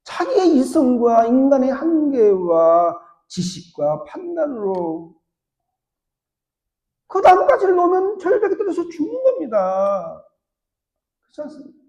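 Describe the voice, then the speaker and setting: A man's voice: sing-song, measured pace, long pauses, warm tone. A man preaching a sermon as pastor, telling stories and acting out the voices of the people in them. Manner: storytelling, acts out voices with big pitch swings. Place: church sanctuary. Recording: echoey church room.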